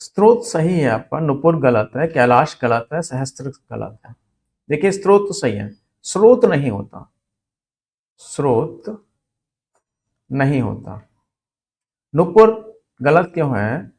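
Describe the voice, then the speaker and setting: A man teaching a Hindi spelling lesson for exam students, repeating each word slowly so it sticks. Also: medium pitch, expressive, a little mellow.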